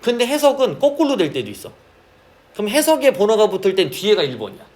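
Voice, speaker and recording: Lively high-voiced male teacher. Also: quick pace. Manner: asks frequent check questions, drawls key terms. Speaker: Korean literature teacher. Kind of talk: classroom lecture.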